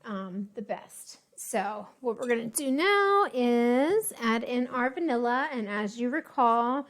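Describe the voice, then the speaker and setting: A relaxed woman talks through a baking recipe at an easy, unhurried pace, her voice sitting a little high. She fills pauses with ums and friendly asides as she measures and mixes. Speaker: home baking instructor. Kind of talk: casual cooking demonstration.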